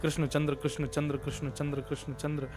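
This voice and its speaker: A male preacher voicing a simple, devout farmer who keeps softly repeating a holy name so he will not forget it. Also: a little high, flat delivery, brisk, pitched below the performer's own voice, close to an everyday voice. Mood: earnest, anxious.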